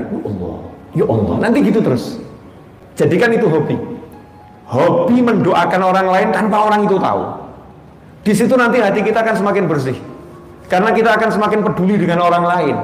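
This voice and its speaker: A man preaching a religious lecture with an Indonesian accent, moving between soft prayerful murmurs and emphatic raised points. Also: high voice, animated, a little fast, pauses often, slight background noise. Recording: roomy hall with long reverb.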